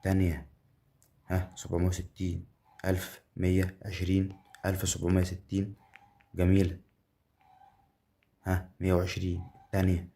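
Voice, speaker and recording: A man's voice: low-pitched, monotone, moderate pace, gravelly, pauses often, dark tone. A man with an Egyptian accent giving chatty live commentary on a game, counting winnings aloud and talking straight to the viewer. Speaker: gambling game streamer.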